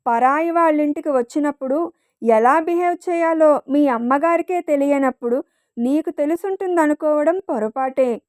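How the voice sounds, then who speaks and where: A woman's voice: high-pitched, moderate pace, darkish tone, no echo, clean studio sound, close to an everyday voice. A woman voicing a defiant, sarcastic young man who answers rudeness with more rudeness in a storybook reading. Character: proud angry young man of the house.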